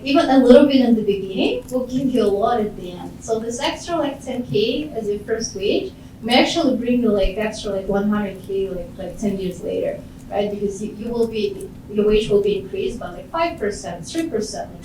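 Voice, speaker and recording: A woman's voice: mid-range voice, normal speed, warm tone, distant mic, a little hiss or hum. A woman from Ukraine giving casual, encouraging career advice to students, talking chattily with many "like" fillers. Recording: very echoey room, off-mic.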